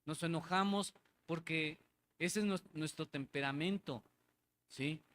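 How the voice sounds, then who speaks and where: Guy preaching, kinda high voice, keeps saying "right?" to the church, little background hiss. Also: slow, a bit bright. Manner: conversational, asks the congregation for agreement; repeats phrases for emphasis. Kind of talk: sermon. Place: church hall.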